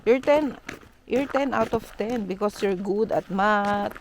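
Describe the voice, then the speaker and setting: Speaking slowly in a mid-range voice, a woman from the Philippines in her thirties, a mom who vlogs, shares stories in a casual, chatty way. She's animated and laughs often, with noise in the background.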